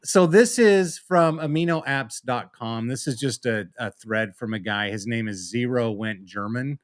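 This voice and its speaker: A man's voice: medium pitch, unhurried, dry recording, studio quality. A man co-hosting a podcast, explaining technical points from notes in a casual way with some swearing. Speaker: podcast co-host.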